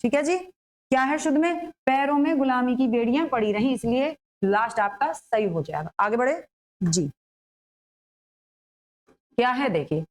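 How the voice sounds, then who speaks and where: A woman teaching an exam-prep grammar class in a high, light voice. She talks her students through each example, asking a question and then answering it herself. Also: expressive, low-quality recording. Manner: explains slowly, asks and answers her own questions.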